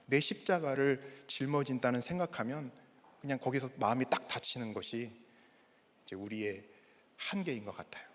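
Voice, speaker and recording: A man's voice: mid-range voice, normal speed. A middle-aged male pastor preaching a sermon, putting rhetorical questions to the congregation. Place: church sanctuary. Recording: long reverb of a church hall.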